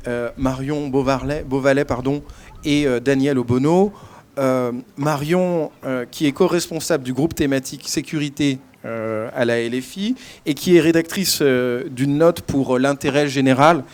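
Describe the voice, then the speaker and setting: A man moderating a conference, introducing speakers in halting, unscripted short phrases full of hesitation. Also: mid-range voice, clear, resonant tone.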